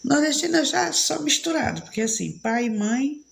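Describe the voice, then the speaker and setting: Gravelly woman, São Paulo-Bahian accent. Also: high voice, animated, normal speed, slight background noise. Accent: São Paulo mixed with Bahian. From São Paulo, Brazil. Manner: chatty, rambling, frequent tag questions. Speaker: live stream host reading viewer comments. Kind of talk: casual chat.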